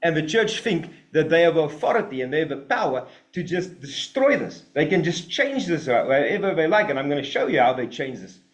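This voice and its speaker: A man preaching a sermon in an emphatic, animated way, with mocking asides. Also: fairly high pitch, fairly quick, hardly any pauses. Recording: roomy echo.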